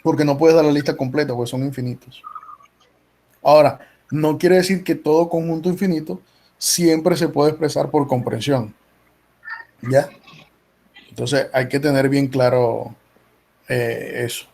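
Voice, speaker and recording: A man's voice: on the high side, steady tone, measured pace, vocal fry, pauses often, a little mellow. A male professor explaining set theory patiently in an online class, often checking in with his students. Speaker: math professor. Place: video call meeting.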